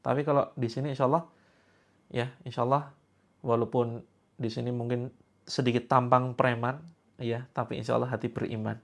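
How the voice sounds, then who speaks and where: At a live gathering, a preacher in his sixties runs a healing session, teasing his audience playfully and joking freely. His mid-range voice is flat, with vocal fry and frequent pauses, at a moderate pace.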